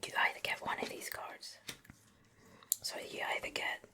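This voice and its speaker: Whispering in a gentle, airy voice, this ASMR host and creator chats her way through a leisurely show and tell. The close stereo mic carries her from one ear to the other.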